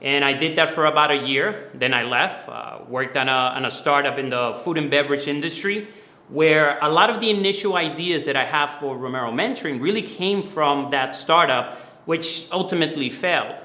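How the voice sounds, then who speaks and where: Speaking at a moderate pace, a sharp-toned man with a somewhat high voice answers interview questions earnestly, explaining things and frequently repeating words. He's the founder of a finance mentoring company, originally from the Dominican Republic, and he grew up in New York City after moving there at age eleven. The sound is roomy and echoey.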